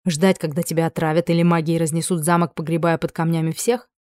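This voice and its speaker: Brief: soft-spoken noble dragon lord, tender and wry, mellow and dry, read by a woman narrator. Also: little pitch movement, fast talker, dry recording, natural voice. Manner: low, hushed and soft-spoken.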